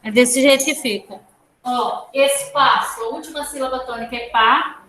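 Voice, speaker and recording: A woman's voice: high-pitched, bright, forceful tone. A woman teacher with a Brazilian accent giving a poetry lesson in a classroom, explaining step by step and often checking in with "tá?". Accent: Brazilian Portuguese. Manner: explains slowly, often adding "tá?". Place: school classroom. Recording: echoey classroom, faint noise.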